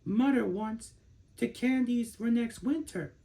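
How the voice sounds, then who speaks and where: A man's voice: very high voice, takes it slowly, vocal fry, dark tone, voice pushed up, full character voice. A man voicing a mother in a storybook, instructing her young child. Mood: gently firm.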